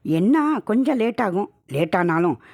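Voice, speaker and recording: A woman's voice: medium pitch, very animated, measured pace, vocal fry, a little mellow, no echo, studio quality, voice pushed up, exaggerated voice. A woman doing a playful young husband. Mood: comforting. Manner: playful, coaxing.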